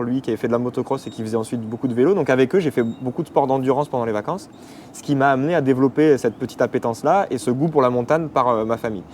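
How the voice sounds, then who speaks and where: A man's voice: medium pitch, a little mellow, slight background noise. A man in his twenties from the Paris region, a runner speaking as guest in a casual interview, hesitant with many fillers. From Paris region, France. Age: 20s. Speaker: athlete guest.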